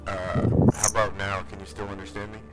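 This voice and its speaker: A man's voice: fairly low pitch, flat delivery, a little fast, over music, low-quality recording. A man running a tabletop game, speaking through a voice changer that makes him sound like an old radio, checking that his players can understand him. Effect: voice changer making him sound like an old radio. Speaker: game master. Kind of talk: casual tabletop game chat.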